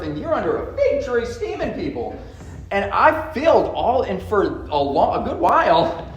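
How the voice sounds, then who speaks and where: Animated preacher man in an echoey church. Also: high voice. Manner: animated storytelling, acts out voices in quotes. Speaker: pastor. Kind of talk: sermon. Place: church sanctuary.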